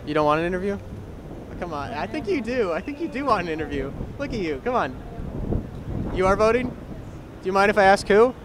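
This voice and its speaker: A young man hosts a mock news segment with a handheld mic on an outdoor plaza. He teases strangers in a slightly high voice, with deadpan timing. Faint city traffic runs underneath. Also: brisk, long pauses. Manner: cheeky, teasing, deadpan jokes. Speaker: comedy show host and street interviewer. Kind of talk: mock news comedy, man-on-the-street interviews.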